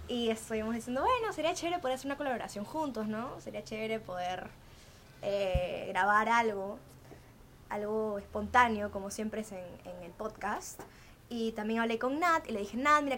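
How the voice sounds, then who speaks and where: A woman hosting a casual podcast chat in an informal, excitable way, with a squeaky, squirrel-like voice. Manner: informal, excitable, laughs often. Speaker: podcast host. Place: outdoor home terrace. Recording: noisy outdoor terrace ambience.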